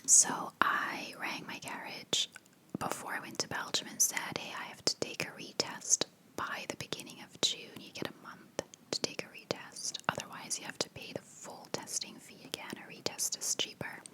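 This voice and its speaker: Woman, hushed whispered voice, ASMR ramble, casual and chatty. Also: moderate pace, low-quality recording. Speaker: ASMR video creator.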